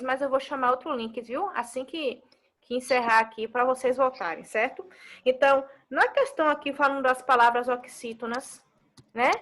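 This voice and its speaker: A woman's voice: high voice, a bit bright. A Brazilian woman teaching an online class, explaining step by step and often checking in with her students. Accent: Brazilian Portuguese.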